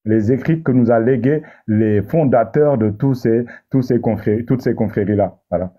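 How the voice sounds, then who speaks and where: A man holds forth in a heated online debate, preachy and sarcastic, tripping over and restarting his phrases. His voice sits at a mid pitch, and the audio is dull and lo-fi. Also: normal speed. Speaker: debater in an online discussion panel. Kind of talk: heated argumentative monologue.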